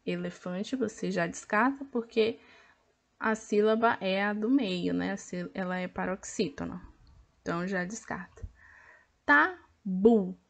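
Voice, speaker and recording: A woman teacher with a Brazilian Portuguese accent, patiently walking pupils through a workbook and sounding out each word clearly. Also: mid-range voice, steady tone, a little slow. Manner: patient, over-articulates words to count syllables. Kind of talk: slow classroom explanation of an activity book.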